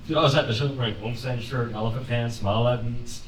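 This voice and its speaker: Deadpan young stand-up man, roomy and distant. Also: mid-range voice, quick pace, slight background noise. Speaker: stand-up comedian. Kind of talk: stand-up set. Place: comedy club stage. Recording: roomy club sound from a distance, with audience laughter. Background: audience laughing.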